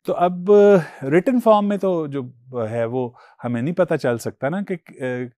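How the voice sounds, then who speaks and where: A man's voice: fairly high pitch, lively intonation, unhurried, a little mellow, dry recording, clean studio sound. A male teacher giving a patient classroom lecture, moving his voice up and down as he explains.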